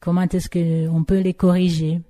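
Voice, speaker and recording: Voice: mid-range voice, little pitch movement, normal speed, warm tone, no echo. An interviewer asking questions about teaching, hesitant with fillers.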